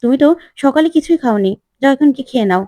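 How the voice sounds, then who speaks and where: A woman's voice: high-pitched, animated, quick pace, mellow, no room sound. A woman voicing a nosy, prying young married woman in a retold TV serial, asking pushy, coaxing questions.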